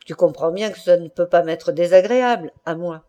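A woman's voice: lowish voice, brisk, dark tone, dull audio, close to an everyday voice. A woman reading aloud and voicing a jealous middle-aged husband who badgers his wife, stammers when shaken and flares into fury. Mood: coaxing.

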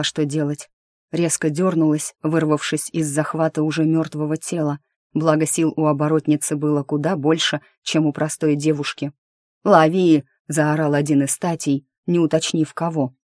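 A woman reading a first-person fantasy audiobook in a lively, wry storytelling manner. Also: sits low, moderate pace, no echo, clean studio sound. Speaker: audiobook narrator. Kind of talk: scripted fantasy narration.

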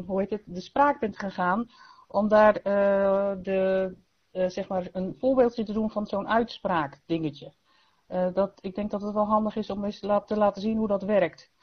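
A woman taking part in a voice chat, speaking hesitantly with many fillers. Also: medium pitch. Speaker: participant in a voice chat. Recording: dull lo-fi voice chat audio.

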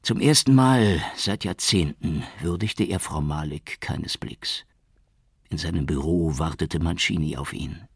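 A man reading an audiobook with steady, measured narration. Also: deep voice, gravelly, husky, dry recording, studio quality. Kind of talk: scripted narration.

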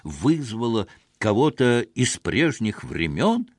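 A man voicing a jealous, frightened village wordsmith who speaks low and hoarse through gritted teeth. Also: sing-song, slow pace, dry recording, studio quality.

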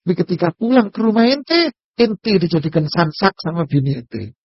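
A man's voice: high-pitched, big pitch swings, moderate pace, slightly rough, dry recording, dull audio. A man giving a casual, humorous religious lecture, joking with and speaking directly to his audience. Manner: jokey, talks straight to the audience. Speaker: Islamic preacher.

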